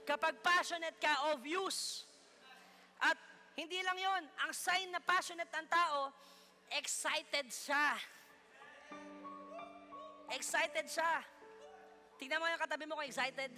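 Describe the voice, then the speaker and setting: A male pastor with a Filipino accent preaching a lively sermon in church, teasing the congregation as he goes. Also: extremely high pitch, takes it slowly, long pauses, music in the background. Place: church hall.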